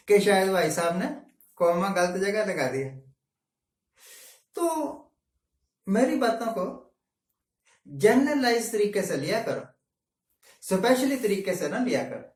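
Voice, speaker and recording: A high-pitched man vlogs a reflective talking-head monologue, explaining things in a measured way and often slipping in English words. The mic sits at a distance in an echoey room.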